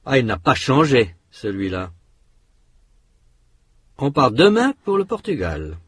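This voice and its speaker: Slow, expressive man reading drill phrases. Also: medium pitch, husky, no room sound. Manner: slow, deliberate delivery of isolated phrases. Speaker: model speaker for pronunciation drills. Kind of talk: recorded language-lesson example sentences.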